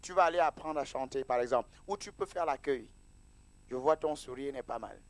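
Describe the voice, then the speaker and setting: A man's voice: medium pitch, a little fast, no room sound. A man preaching as pastor at a church service, casual and teasing, mixing sermon with banter with the congregation.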